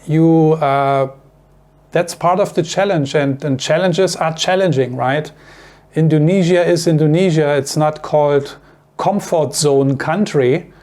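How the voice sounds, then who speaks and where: Speaking at a measured pace in a somewhat high, slightly mellow voice, this vlogger is a native German speaker with a heavy accent. He chats loosely to camera, circling back over the same points and leaning on fillers plus "you know" and "right?"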